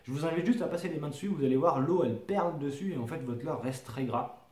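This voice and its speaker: A man's voice: fairly high pitch, quick pace, darkish tone. A man from France casually presenting his fishing lures to camera, hesitant, with many fillers and restarts. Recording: echoey room.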